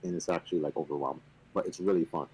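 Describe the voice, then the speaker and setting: A man on a video call casually explaining a game, relaxed and playfully boastful, with lots of fillers. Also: low voice, racing, slight background noise, poor audio. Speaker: company representative teaching the game. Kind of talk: casual chat on a stream.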